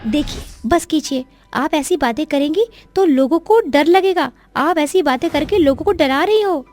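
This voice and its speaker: A woman's voice: high voice, animated, normal speed, darkish tone. A woman voicing a bold, outspoken young woman in a cartoon, talking in a confident, questioning way.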